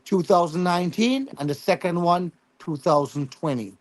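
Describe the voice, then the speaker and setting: A man with a high, animated voice and a Jamaican accent casually tells stories as an interview guest, using Patois turns of phrase. He is emphatic and often repeats himself, speaking at a normal speed with no echo.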